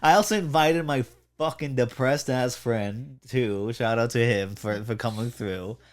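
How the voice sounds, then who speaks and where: A man's voice: medium pitch, measured pace. A man co-hosting a podcast in casual chat, telling stories in a rambling way, swearing constantly and laughing often. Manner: profane, rambling storyteller with frequent laughs. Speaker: podcast co-host.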